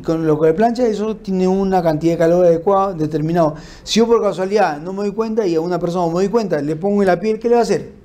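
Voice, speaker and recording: A man giving an informal law lecture, explaining through lists and examples and checking in with his listeners with quick tag questions. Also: sits high, dark tone. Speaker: criminal law instructor. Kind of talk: informal lecture on forensic principles.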